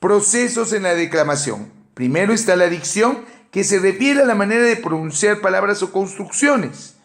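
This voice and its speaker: A man with a Peruvian Spanish accent giving a measured academic lecture, working through a numbered list of points. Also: high-pitched, lively intonation, fairly bright tone. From Peru. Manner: measured explanatory delivery with enumerations and fillers. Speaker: teacher.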